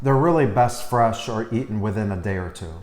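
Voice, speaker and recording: Man calmly explaining a baking recipe. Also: on the low side, a little fast. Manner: relaxed, step-by-step instructions. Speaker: cooking show co-host. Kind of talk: cooking demonstration.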